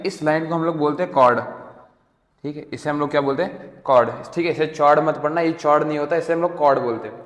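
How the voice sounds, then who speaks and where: A young man teaching math in a casual lecture, often asking a question and answering it himself. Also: fairly high pitch. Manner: repeats questions and answers them himself, keeps checking in with "theek hai". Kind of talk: casual Hindi-English lecture to students. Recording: echoey room with long reverb.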